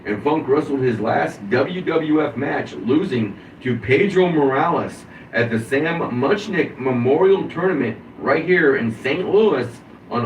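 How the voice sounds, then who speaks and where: A man, hosting a casual wrestling podcast, reading through a wrestler's career with offhand asides. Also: medium pitch. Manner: reads a career recap with asides. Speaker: podcast host. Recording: dull, roomy, distant mic with hiss.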